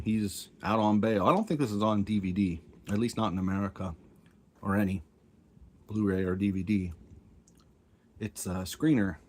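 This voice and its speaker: Low-voiced man musing over his tapes. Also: a little mellow, breathy edge. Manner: muttering, musing aloud with many asides. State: talking around a cough drop. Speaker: collector showing his tapes. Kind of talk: casual offhand commentary. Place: room at home with a fan running. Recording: faint fan noise behind.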